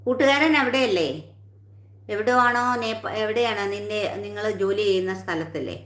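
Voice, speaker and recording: A woman's voice: mid-range voice, moderate pace, a bit bright, roomy sound. A woman hosting a casual live stream, chatting with viewers and greeting each one by name.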